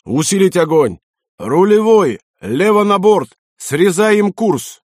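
An audiobook narrator voicing a stern senior lieutenant who commands a patrol boat in battle. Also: male voice, sits high, very animated, slow, no echo, clean studio sound, pitched above the performer's own voice, heavily acted. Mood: commanding. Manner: barks sharp commands.

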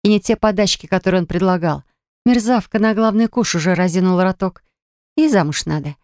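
An audiobook narrator giving scripted storybook narration in a steady, expressive reading on a close mic. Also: mid-range voice, a little fast, clean tone, no echo.

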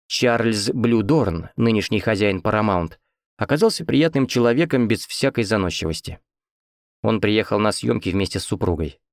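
Low-voiced male audiobook narrator. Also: dry recording, clean studio sound. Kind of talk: first-person audiobook narration.

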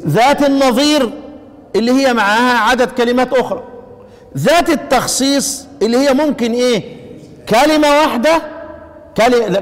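An Egyptian man with a strikingly high voice explains a poem about Quran recitation line by line. He chants its verses slowly and keeps putting questions to his class before answering them himself. His voice rings out with a long reverb trailing behind it. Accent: Egyptian Arabic.

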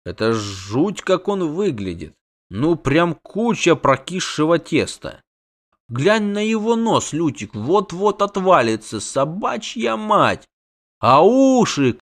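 High cursing halfling, voiced by a male reader, loud, indignant, audiobook. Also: very animated, normal speed, hardly any pauses. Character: hot-tempered male halfling merchant, blustering.

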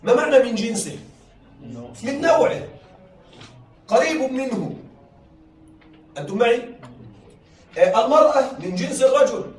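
A man's voice: very high voice, lively intonation, moderate pace, long pauses, faint music behind. A man teaching a classroom lesson, stretching key words for emphasis and often checking that his students are following. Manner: repetitive, keeps checking that listeners follow. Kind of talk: classroom lecture. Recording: roomy, distant mic, faint noise.

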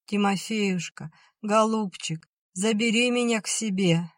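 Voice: mid-range voice, measured pace, no room sound, clean studio sound, voice pushed up, natural voice. A narrator voicing a bitter, grumbling old peasant mother who wails and scolds, in an audiobook reading. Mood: wailing. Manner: wailing, scolding.

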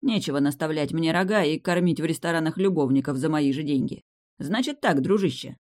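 A breezy young duke giving offhand, commanding orders, voiced by the audiobook narrator. His pitch sits a little above the narrator's usual reading voice, and he talks briskly and with lively energy. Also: natural voice. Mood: brisk, bossy.

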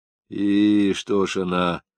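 A terse and moody young man, voiced by a man narrating a book. He speaks low and in short, clipped questions. The sound is close and dry. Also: little pitch movement, takes it slowly, clean tone, no echo.

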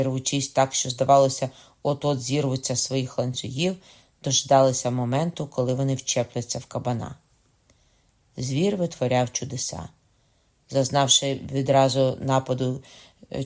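A man narrating a classic novel in a steady, measured storytelling voice. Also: mid-range voice. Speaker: audiobook narrator. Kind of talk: literary audiobook narration.

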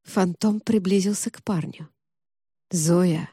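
A woman narrating a dark fantasy audiobook in a measured, dramatic manner, close to the mic. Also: mid-range voice, no echo.

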